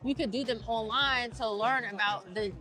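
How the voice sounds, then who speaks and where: A woman's voice: on the high side, normal speed, bright, forceful tone, faint music behind. A woman from Maryland, a podcast guest talking in a casual chat, emphatic and punchy, repeating her points for force. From Maryland, USA. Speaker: podcast guest, insurance agency owner.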